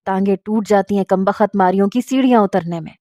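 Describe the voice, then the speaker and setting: A woman's voice: mid-range voice, fairly quick, mellow, no echo, clean studio sound, close to an everyday voice. A woman voicing a scheming middle-aged aunt who scolds her daughter and turns sugary toward a guest, in a spoken story. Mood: shrill scolding.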